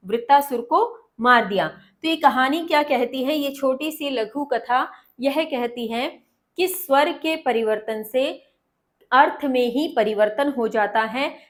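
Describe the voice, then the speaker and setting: Woman teacher, high voice, slow measured delivery, patient word-by-word explanation. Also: a bit bright. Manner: patient, repeats each word then its meaning.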